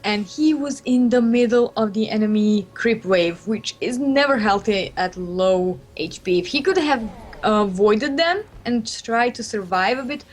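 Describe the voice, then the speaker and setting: A woman's voice: fairly high pitch, animated, a little slow, faint music behind. A woman co-commentating an esports match, teasing in tone, breaking down the plays. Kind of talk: analytical game commentary.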